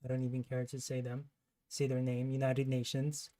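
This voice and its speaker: A man's voice: mid-range voice, monotone, moderate pace, dark tone. A man hosting a livestream, giving casual, critical commentary as he reacts to a trailer. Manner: critical, disparaging.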